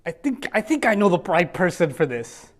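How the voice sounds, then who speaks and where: A man's voice: sits high, very animated, normal speed. A man doing a sly little girl. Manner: casual, offhand. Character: clever ten-year-old girl playing innocent.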